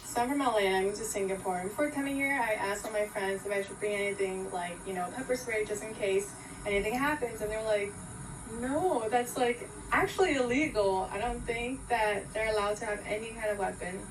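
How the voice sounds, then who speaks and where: A woman from Los Angeles telling a short story to camera in a quick, animated way, acting out the quotes she retells. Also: mid-range voice, noisy background. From Los Angeles, United States. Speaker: clip storyteller. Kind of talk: casual short-video storytelling. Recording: roomy phone video from a distance, faint ambience.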